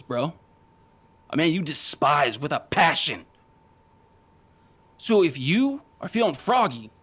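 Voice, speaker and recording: A man's voice: fairly high pitch, fairly bright tone, breathy edge. A man cutting a confrontational wrestling promo, taunting and swearing. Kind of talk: in-ring promo argument.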